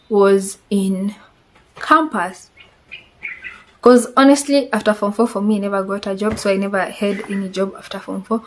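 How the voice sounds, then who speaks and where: Chatting through a tag-question vlog, this Swahili-speaking vlogger in her twenties has a Kenyan accent and a mid-range voice. She wanders from point to point, hedging with "I think," over slight background noise.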